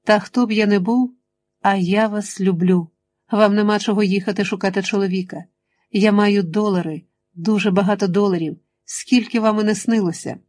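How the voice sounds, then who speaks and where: A woman voicing a menacing, controlling male chemist in an audiobook, speaking slowly and insistently. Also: medium pitch, steady tone, a little mellow, close to an everyday voice. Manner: slow, insistent, threatening.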